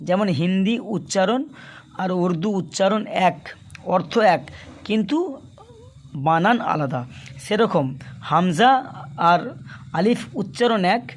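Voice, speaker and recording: Guy teaching quran letters, fairly high voice, chants the drills slow and patient. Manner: addresses viewers as dear friends, asks and answers their questions. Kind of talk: Quran reading lesson.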